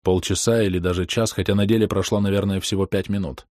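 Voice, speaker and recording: A man narrating an audiobook in the first person, in a steady, measured reading voice. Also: low-pitched, dry recording, clean studio sound.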